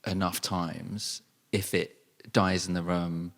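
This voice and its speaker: Low-voiced reflective podcast host. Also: male voice, flat delivery, slow pace, fairly bright tone. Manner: thoughtful, searching, reflective phrasing. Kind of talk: casual conversational interview.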